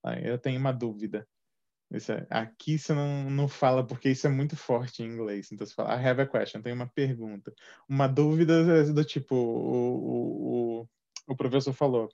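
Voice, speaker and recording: A Brazilian man with a mellow, dark voice chats in a relaxed, rambling way. He fills his talk with hesitations. The sound is dull and lo-fi. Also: mid-range voice, brisk, creaky. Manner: relaxed, rambling with many fillers. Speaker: Brazilian living in Canada, sharing experiences. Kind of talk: casual chat.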